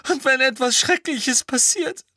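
A man putting on a sobbing, high-pitched anxious mother witch. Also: measured pace, sharp tone, no echo, studio quality, heavily acted. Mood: anguished sobbing. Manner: tearful, trembling, breaking into sobs. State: crying. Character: distraught motherly witch, middle-aged, anxious.

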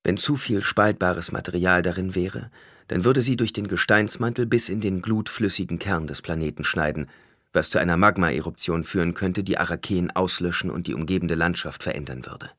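A man narrating an audiobook in a measured, expressive manner. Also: sits low, no room sound, studio quality.

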